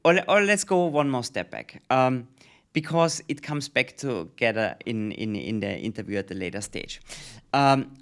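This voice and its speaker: Brief: male host, mid-pitched, talkative and teasing, casual interview chat. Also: expressive, measured pace, a bit bright, clear, resonant tone. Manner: chatty, teasing, friendly.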